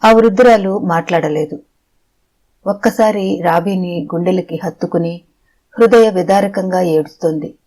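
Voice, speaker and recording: A narrator reading a story aloud in a steady, measured way. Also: mid-range voice, low-quality recording. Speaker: audiobook narrator. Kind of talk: scripted audiobook narration.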